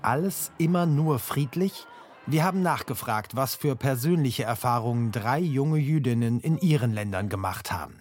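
A man narrating a scripted TV news report in a measured, factual manner. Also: medium pitch, lively intonation.

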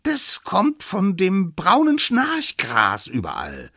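A man voicing the smallest of a band of little cavemen, a boastful know-it-all child with a squeaky, drawn-out high voice. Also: wildly swooping pitch, a bit bright, slightly rough, no room sound, clean studio sound, exaggerated voice. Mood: cocky. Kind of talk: storybook read-aloud.

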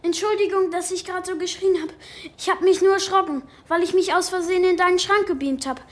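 Nervous, high-voiced boy superhero, rambling and stammering, for a kids' radio play. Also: steady tone. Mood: apologetic. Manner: stammering, talks fast and rambles when nervous.

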